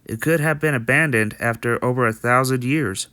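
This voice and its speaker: In an amateur fan-made cartoon dub, a man voices a friendly young stallion, lightly acted, who chats practically and explains things earnestly. His mid-range voice is clean, smooth, bright, and forceful, delivered at a normal speed. The recording is dry and close, with no echo.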